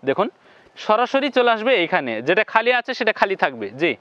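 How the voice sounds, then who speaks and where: A man teaching Quran recitation in a step-by-step lesson, slowly repeating syllables for viewers to copy and giving the Arabic sounds a heavy nasal tone. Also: sits high, very animated, bright, forceful tone, no room sound, dull audio.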